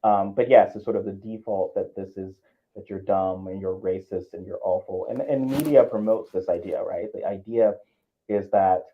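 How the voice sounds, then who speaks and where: A man's voice: low-pitched, steady tone, moderate pace, muffled recording. A man from the South, co-hosting a casual podcast chat, arguing a point earnestly with frequent restarts. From American South. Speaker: co-host.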